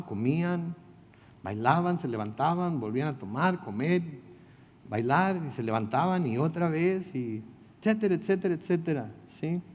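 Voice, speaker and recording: A male pastor leads a midweek Bible study in a casual, conversational way, often turning to his listeners with questions and slipping in humorous asides. His voice sits a bit higher than most men's, and long reverb trails after his words. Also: a little mellow. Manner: conversational, asks the audience questions, joking asides. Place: church meeting room.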